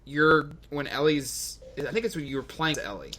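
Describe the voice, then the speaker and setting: A man's voice: on the high side, lively intonation, moderate pace, bright, forceful tone, slight background noise. A man co-hosting a gaming podcast, rambling and swearing casually. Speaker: podcast co-host.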